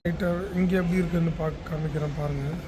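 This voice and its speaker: This is a fairly high, steady male voice moving at a quick pace: a business founder from Chennai with a Tamil Nadu accent, casually vlogging his travels at a busy international airport. Background noise from the public space is clear.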